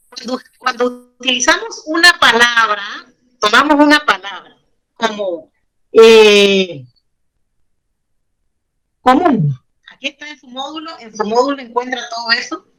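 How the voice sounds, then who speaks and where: A woman teaching a grammar lesson to her class. Her voice is bright and sits fairly high. She explains patiently, repeats key points and uses gentle diminutives. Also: low-quality recording. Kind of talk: online Spanish grammar lesson.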